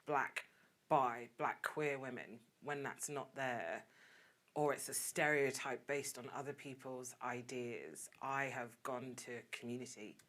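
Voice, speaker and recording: A woman's voice: rumbling low, fairly bright tone. A woman in her late thirties speaking as a panelist on an online discussion, earnest and reflective, offering encouragement. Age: 30s. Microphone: video call.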